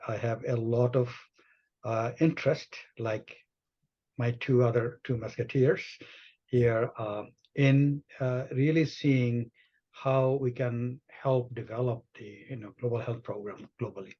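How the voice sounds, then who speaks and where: A man from Bangladesh, a medical physicist, introducing himself haltingly with many you-knows. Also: mid-range voice, steady tone, lo-fi sound. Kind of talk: panel conversation.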